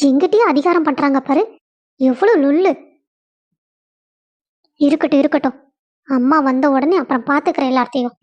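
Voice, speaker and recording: A sulky young sister, whining and close to tears, with a Kongu Tamil accent, as a woman acts her out. Her voice sits very high. It comes from a home-made family drama. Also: moderate pace, long pauses, darkish tone, lo-fi sound, lightly acted. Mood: grumbling.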